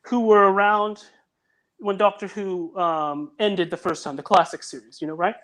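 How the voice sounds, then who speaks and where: This guest on a relaxed video-call podcast makes audio dramas for a living. He has a high, slightly bright voice with fairly even intonation and talks at a normal speed, earnest throughout and often beginning sentences again.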